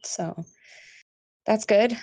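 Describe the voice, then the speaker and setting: Woman tabletop game player; hesitant, halting casual chat. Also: mid-range voice, creaky, warm tone. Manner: hesitant, halting, laughs often.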